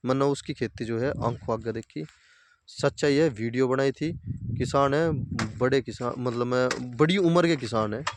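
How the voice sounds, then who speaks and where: There's a little hiss or hum behind this mid-range male voice. A farming video host chats casually by his fields, repeating plain advice to viewers he addresses as farmer brothers.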